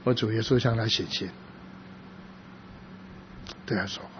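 A man preaching in a sermon, telling a story from his church work in a halting, soft-spoken way, with frequent restarts. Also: on the low side, fairly even intonation. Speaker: pastor. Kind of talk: sermon testimony. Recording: dull lo-fi with faint noise.

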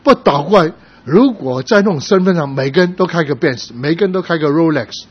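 A middle-aged male pastor preaching a sermon, telling stories with sudden loud emphatic rises. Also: fairly high pitch, animated, brisk, husky. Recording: slightly dull sound with faint noise.

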